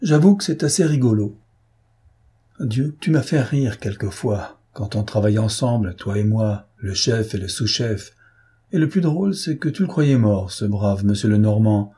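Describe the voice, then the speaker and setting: In a read-aloud novel, a man voices a sly, cocky gentleman thief who teases his captors in a lively, ironic tone. His voice is fairly low with a breathy edge.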